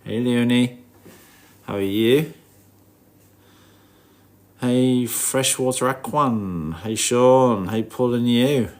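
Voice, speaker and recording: A man's mid-range, slightly mellow voice comes out nasal from a head cold as he takes his time, leaving long pauses. Hosting a casual livestream, he greets viewers, examines his fish tank and mutters asides to himself.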